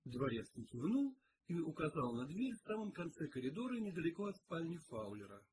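Expressive male audiobook narrator. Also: a little high, fairly quick, noisy background. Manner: expressive storytelling. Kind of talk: audiobook reading.

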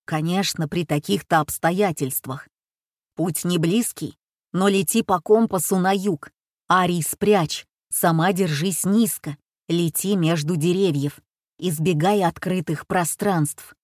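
Van, a woman reading a low hushed urgent man. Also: measured pace, no echo, studio quality. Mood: steady firm. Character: Van, adult man, tense, commanding. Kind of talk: audiobook character voice.

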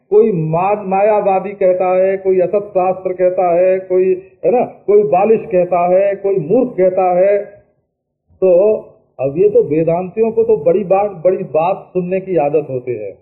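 A man giving a spiritual discourse, explaining slowly with chanted verses and spoken asides. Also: high-pitched. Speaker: spiritual teacher. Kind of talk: Vedanta discourse. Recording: tinny lo-fi archival tape.

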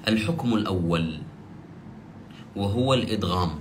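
A man teaching the rules of Quranic recitation, explaining step by step and slowly drawing out the example verses he recites. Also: low voice, a little hiss or hum. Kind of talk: tajweed lesson.

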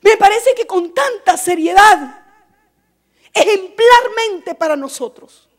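A woman preaching a fervent sermon, with emphatic repeated phrases, who swings from soft asides to shouted exhortation. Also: very high voice, expressive, slow pace.

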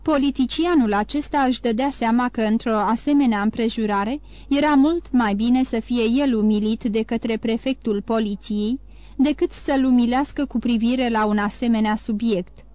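A woman narrating a classic novel in an even storytelling manner. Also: fairly high pitch. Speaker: audiobook narrator. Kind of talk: literary audiobook narration.

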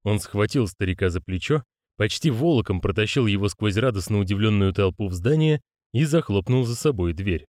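A man's voice: on the low side, brisk, dry recording, studio quality. A man narrating an audiobook expressively, voicing the characters. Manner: expressive, theatrical. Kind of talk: audiobook reading with character voices.

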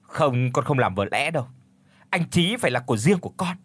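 A man voicing a spoiled, wicked young village woman in a ghost story, shrill and demanding. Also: lively intonation, normal speed, slightly rough, no room sound.

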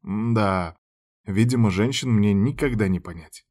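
A man reading a first-person story aloud in an even, matter-of-fact way. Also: fairly low pitch, a little slow. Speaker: audiobook narrator.

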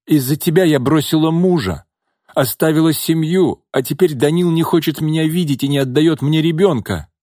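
A man voicing a desperate, pleading jilted young woman with shrill emotional outbursts in an audiobook. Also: moderate pace, dark tone, no echo, clean studio sound, close to an everyday voice. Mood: distraught.

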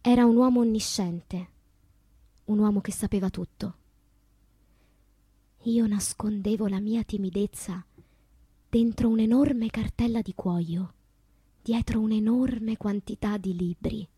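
In a theatrical radio monologue, an actress plays a wistful, wounded woman poet, phrasing slowly and deliberately in a breathy voice that sinks into whispers. Her mid-range voice is dark in tone and fairly even in intonation, the mood wistful and haunted, on a dry recording.

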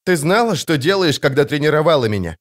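A man's voice: fairly high pitch, big pitch swings, fast, voice pushed up. A man voicing a tormented, bitter teenage boy in an audiobook, speaking in intense, agitated outbursts. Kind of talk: audiobook character voice.

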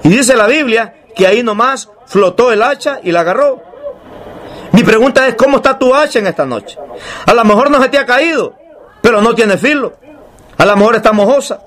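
Preacher guy, really high voice, repeats stuff for emphasis, slows down to read the bible. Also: lively intonation, fairly bright tone. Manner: emphatic, repeats phrases, rhetorical questions. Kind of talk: sermon.

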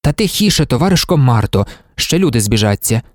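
A man's voice: medium pitch, big pitch swings, brisk, darkish tone, no room sound, studio quality, lightly acted. A man reading an audiobook, voicing a cheeky young male accountant who teases in familiar banter. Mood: irritated.

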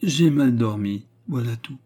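A man's voice: mid-range voice, expressive, unhurried, dark tone. A man reading aloud voices a frightened young noblewoman who speaks in a breathless, trembling way.

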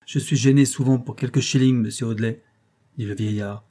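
A man's voice: medium pitch, steady tone, normal speed, dark tone, lightly acted. A man voicing a whining, self-pitying old grandfather in an audiobook, complaining and ingratiating.

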